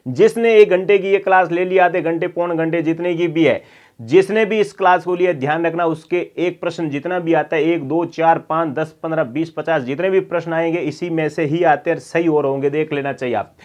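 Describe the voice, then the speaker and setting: A man teaching an online exam-prep language lesson, drilling each word by slow repetition and teasingly pushing students to answer quickly. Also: on the high side, steady tone, darkish tone. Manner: drills words by repeating them slowly, quizzes students; playful teasing threats to hurry answers. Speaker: Hindi teacher.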